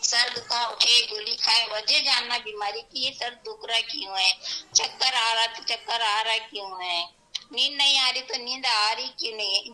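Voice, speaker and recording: Bright-voiced Hyderabadi woman telling her story. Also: on the high side, moderate pace, rough recording. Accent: Hyderabadi Urdu. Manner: animated, vivid retelling with voiced quotes; devout, invokes God often. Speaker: interview guest. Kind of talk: personal storytelling.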